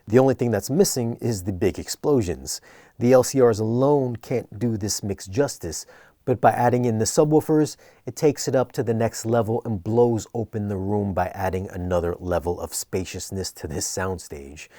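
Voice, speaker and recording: A man narrating an equipment review in a conversational but scripted, measured, explanatory way. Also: fairly low pitch, warm tone, dry recording, studio quality.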